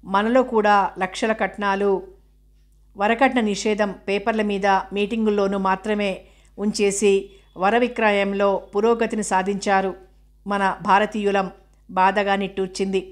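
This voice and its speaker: A woman narrating a novel in an unhurried, level reading voice. Her pitch barely rises or falls across the sentences. It stays in the middle of a woman's range. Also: little pitch movement.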